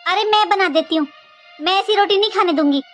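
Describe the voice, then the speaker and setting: A woman playing a middle-aged mother-in-law talks a lot in a very high voice. She scolds and lectures in a home comedy skit, and faint music runs behind her. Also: brisk, a bit bright. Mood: complaining. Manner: scolding, talkative. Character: middle-aged mother-in-law, sharp-tongued but caring.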